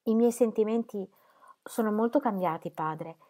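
A woman voicing a sharp-witted, affectionate young woman who teases and speaks warmly, in an audiobook reading. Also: medium pitch, moderate pace, voice pushed up, natural voice. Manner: teasing, affectionate.

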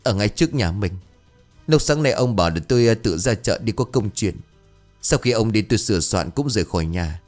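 A man's voice: lowish voice, lively intonation, a little fast, a little mellow, faint music behind, lightly acted. A man voicing an injured middle-aged wife who speaks plaintively. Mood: pained.

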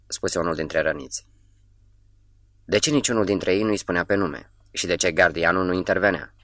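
A man reading a novel aloud in a measured, sombre way, dropping almost to a whisper on the quietest lines. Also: deep voice, dry recording, studio quality. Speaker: narrator. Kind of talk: literary audiobook reading.

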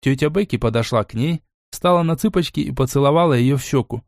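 A man narrating a fantasy audiobook in a measured, even reading. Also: medium pitch, creaky, no echo, clean studio sound. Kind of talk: scripted narration.

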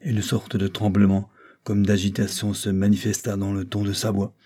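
A man narrates a classic novel in a low, dark and mellow voice. His tone is husky rather than clear, and he lifts his pitch to play the courtroom questioners. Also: monotone, normal speed. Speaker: audiobook reader.

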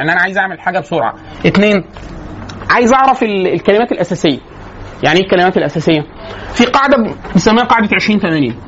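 A man with an Egyptian accent giving a casual spoken lecture. He digresses and keeps asking rhetorical questions. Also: high voice. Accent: Egyptian Arabic. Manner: rapid, digressive, full of rhetorical questions like "right?". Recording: dull lo-fi recording with faint noise.

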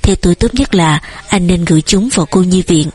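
An indignant middle-aged neighbor woman scolds sharply in a breathy, even voice, read by a woman narrator. She sounds close to the reader's own voice. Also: on the low side, a little fast. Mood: scolding.

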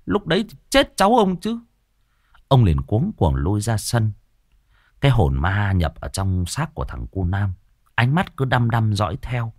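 A man narrating a ghost story in an expressive, dramatic way. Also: fairly low pitch, unhurried, dry recording, studio quality.

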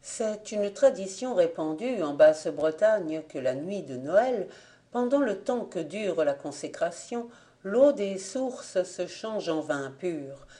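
A woman reading an old folk tale aloud for an audiobook in an even, measured manner. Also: on the low side. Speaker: audiobook reader.

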